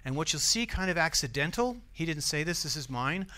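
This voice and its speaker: An American man delivers a sermon in a church, talking to the congregation like a conversation and checking in with questions. His voice is bright and forceful and sits a little high for a man. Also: animated, brisk. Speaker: pastor.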